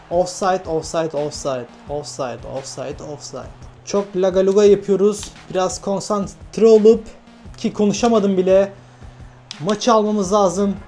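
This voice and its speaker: A young man from Turkey giving lively, self-talking commentary while playing a football video game, urging on his players. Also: high-pitched. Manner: animated, talks to himself and his players, frequent laughs. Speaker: gaming YouTuber. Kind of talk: excited gameplay commentary.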